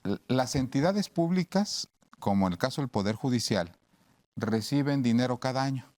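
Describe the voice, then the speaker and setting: A man's voice: mid-range voice, lively intonation, normal speed, a little mellow. A man with a Mexican accent hosting a radio talk show, explaining things at length with homely examples and lots of fillers and restarts. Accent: Mexican Spanish.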